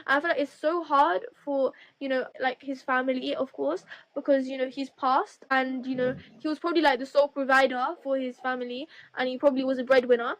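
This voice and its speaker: High-voiced woman in casual debate. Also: steady tone, brisk, hardly any pauses, low-quality recording. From United Kingdom. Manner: chatty, filler-heavy. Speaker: debate guest. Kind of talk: casual chat.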